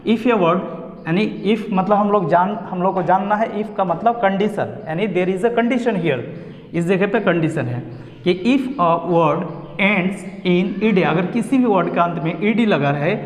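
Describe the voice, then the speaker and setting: A man teaching an English pronunciation lesson, spelling letters out and repeating each word slowly. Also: sits high. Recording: echoey room with long reverb.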